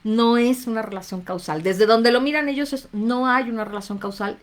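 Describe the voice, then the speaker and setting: A woman's voice: fairly high pitch, moderate pace. A woman with a Mexican accent, a therapist talking to viewers on a live stream in a casual, conversational way and greeting them by name. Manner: conversational, reads out viewers' names, acts out little inner voices.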